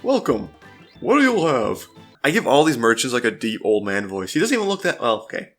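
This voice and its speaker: Guy doing a let's play, reads the story text and chats in between, mid pitch, faint game music under it. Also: very animated, fast talker, a bit bright. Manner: casual, chatty asides between narrated lines. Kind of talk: game commentary and reading visual novel text aloud.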